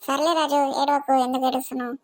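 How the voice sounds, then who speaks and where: A woman voices a village cartoon comedy, with a high, shrill tone. She talks fast and bickers. Her delivery has the bounce of a cartoon. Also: flat delivery. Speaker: voice artist for several cartoon figures.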